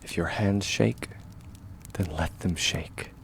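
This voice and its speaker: Heavily acted and gravelly, a man's low voice portrays a kind, steadfast young warrior in comfort ASMR, speaking gently, reassuringly, and often in a hush at a measured pace. A little hiss or hum sits under the soothing, earnest delivery.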